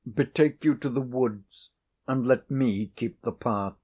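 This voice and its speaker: Man voicing a slow, measured devil, sly, calm, storybook reading. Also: medium pitch, slightly rough. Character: sinister calm older male traveller, the devil. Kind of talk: audiobook character reading.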